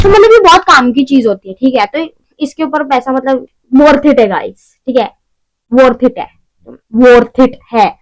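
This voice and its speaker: A woman's voice: high-pitched, background noise. A young woman talking casually through a beauty haul at home, chatty and rambling with self-mocking asides. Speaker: beauty vlogger. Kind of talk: casual shopping haul vlog.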